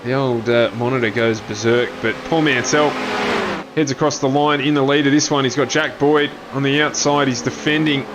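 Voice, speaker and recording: A man's voice: fairly even intonation, moderate pace, background noise. A man commentating an online sim race, reading grid positions and calling incidents. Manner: reels off names, jumps in pitch at crashes.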